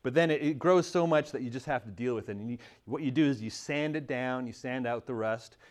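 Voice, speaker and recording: Animated storytelling man from Montreal. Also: medium pitch, a little fast. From Montreal, Canada. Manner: animated, laughing, many restarts. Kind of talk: casual storytelling.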